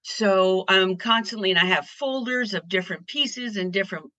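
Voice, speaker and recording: A woman's voice: mid-range voice, normal speed, pushed and bright, no room sound, muffled recording. A woman from Pennsylvania chatting as an interview guest, upbeat and rambling with restarts. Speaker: guest artist. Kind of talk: casual interview chat.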